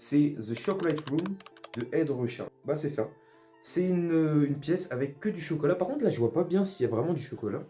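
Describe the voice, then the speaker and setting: A man's voice: on the high side, lively intonation, brisk, warm tone, faint music behind. A man casually reacting to artworks, thinking aloud and sounding amused as he discovers each one. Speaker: art vlogger.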